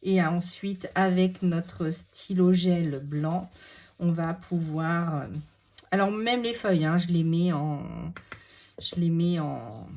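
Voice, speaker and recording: A woman with a French regional accent demonstrating a craft technique step by step, chatty and unhurried, thinking aloud with many fillers. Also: on the low side, darkish tone. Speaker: crafting tutorial host. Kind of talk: casual step-by-step crafting demo.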